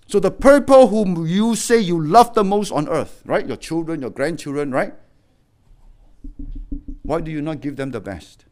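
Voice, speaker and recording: A middle-aged male pastor delivering a sermon in a fairly high voice. He preaches emphatically, rising into loud, urgent appeals and then dropping to quiet, grave warnings. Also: animated, measured pace.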